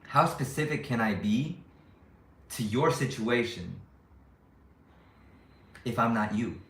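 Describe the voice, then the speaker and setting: A young man, a YouTuber living abroad, talks casually to his viewers in a rambling vlog, often restarting sentences and second-guessing himself. His mid-range voice is fairly bright with lively intonation, he takes it slowly, and the sound is roomy.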